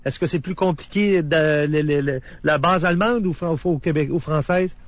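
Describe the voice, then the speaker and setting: A man's voice: fairly high pitch, moderate pace, no room sound. A man hosting a radio interview, asking friendly conversational questions. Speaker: radio host. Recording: dull, dry studio sound.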